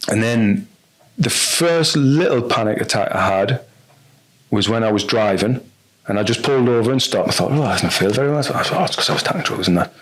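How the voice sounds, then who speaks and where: A man's voice: mid-range voice, expressive, brisk, a bit bright, breathy edge. A man with a North East English accent telling a personal story on a podcast in a frank, rambling way, full of restarts and fillers. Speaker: podcast guest.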